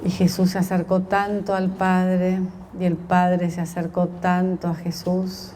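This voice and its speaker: A woman slowly telling a story as a meditation, pausing often and voicing the quoted lines of its characters. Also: on the low side, completely flat delivery, warm tone, slight background noise.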